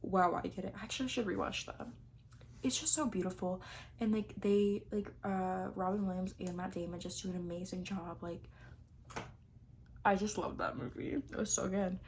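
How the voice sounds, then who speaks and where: A woman's voice: medium pitch, steady tone, normal speed, slight background noise. Gushing young woman rambling about favorites. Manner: gushing, rambling, lots of fillers. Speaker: vlogger. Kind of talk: casual year-favorites chat.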